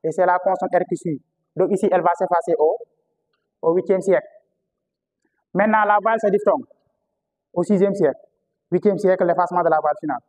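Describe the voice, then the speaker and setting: A male teacher with a Senegalese French accent lectures a class in a fairly high voice. He repeats key terms and puts questions to the students. The sound carries a long reverb. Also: a little mellow. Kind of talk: classroom lecture on historical phonetics.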